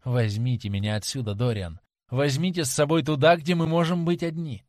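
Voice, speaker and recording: A man reading as a lovesick young actress, pleading softly. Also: mid-range voice, dry recording, clean studio sound, natural voice. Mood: rapturous, dreamy. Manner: tender, dreamy and imploring, slowing on heartfelt phrases. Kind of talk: audiobook character reading.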